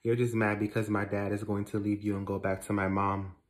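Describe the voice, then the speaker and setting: A man's voice: fairly low pitch, little pitch movement, a little fast. A man acting in a comedy sketch, talking back sassily. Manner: sassy, talks back in character.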